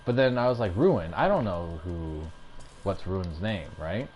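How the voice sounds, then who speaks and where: A man's voice: low-pitched, lively intonation, unhurried, darkish tone, slight background noise. A young man in a casual, rambling gaming rant at home, getting fired up, with lots of fillers and restarts, speaking into a headset mic. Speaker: gaming YouTuber. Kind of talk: casual ranting commentary.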